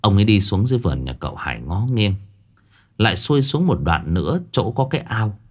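A man narrating a ghost story in an expressive storytelling manner. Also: lowish voice, brisk.

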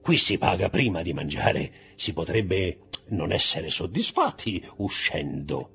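A man voicing a sly brigand jailer who is mock-deferential and calmly serious, with a husky voice. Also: sits low, measured pace, exaggerated voice.

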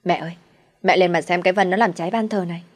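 A sly, timid young woman, as a woman narrator puts her on, sweet-talking to get her way. The voice sits slightly low. A storybook audio reading. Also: steady tone, fast talker, lightly acted.

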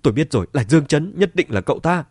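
A man's voice: mid-range voice, expressive, brisk, a little mellow, dry recording, studio quality. A man voicing a desperate middle-aged wife who pleads and shrieks in a raised voice. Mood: hysterical.

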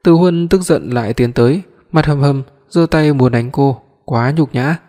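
A man narrating a romance audiobook with a steady, even reading. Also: mid-range voice, measured pace. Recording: long hall reverb.

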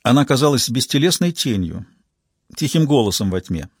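A man reads a crime audiobook in a steady, measured way, with a husky edge to his voice. The recording is dry and close, with no room sound. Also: mid-range voice, dry recording. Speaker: audiobook narrator. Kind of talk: scripted audiobook narration.

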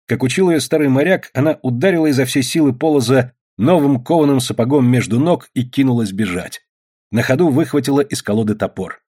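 Brief: male narrator, husky voice, steady audiobook reading. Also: mid-range voice. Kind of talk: reading a novel aloud.

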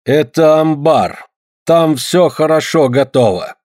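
A man voicing a fierce northern native man who speaks broken Russian in slow, drawn-out words. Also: a little high, a little mellow, no echo, studio quality, pitched above the performer's own voice. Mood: shouting, terse.

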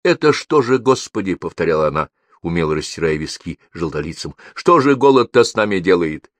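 A man voicing a kindly, fussing middle-aged canteen woman with high, loud, drawn-out exclamations in an audiobook. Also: big pitch swings, dry recording. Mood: anxious fussing. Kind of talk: audiobook character voice.

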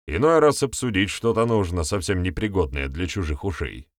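A man reading the part of a grey-haired old forest sage who speaks in a calm, measured way. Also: low-pitched, no room sound, studio quality.

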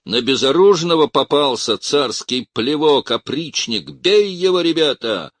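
A man voicing jeering young seminary students who shout taunts. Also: a little high, lively intonation, unhurried, dry recording, voice pushed up.

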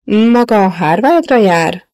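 A woman's voice: medium pitch, expressive, a little mellow, pitched above the performer's own voice, lightly acted. A woman reading the part of a wry, grateful man in an audiobook novel. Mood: earnest.

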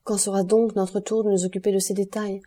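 A young officer, fretful and devoted, begs with urgency, as a woman reading an audiobook takes his part. The voice stays dark and mellow with a husky texture. It is read as a storybook figure. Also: medium pitch, level tone, brisk, close to an everyday voice. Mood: pleading. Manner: pleading, fretful.

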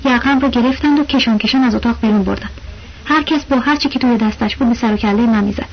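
Expressive first-person audiobook narrator with a colloquial delivery; muffled lo-fi recording. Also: medium pitch. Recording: dull lo-fi audio.

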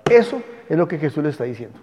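In a dull, echoey room recording, a man leads a Bible class emphatically, breaking off to dictate spellings to the class. His fairly high, mellow voice moves quickly and swings widely in pitch.

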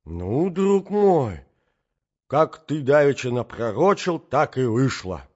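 A man's voice: medium pitch, big pitch swings, takes it slowly, voice pushed up. A man voicing a befuddled elderly prince who agrees vaguely and loses his thread, in a dull lo-fi recording. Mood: confused.

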